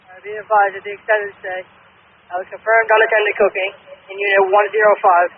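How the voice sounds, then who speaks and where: A man's voice: sits high, level tone, brisk. A man working as a firefighter, giving a terse report from the scene over a two-way radio. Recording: noisy tinny two-way radio.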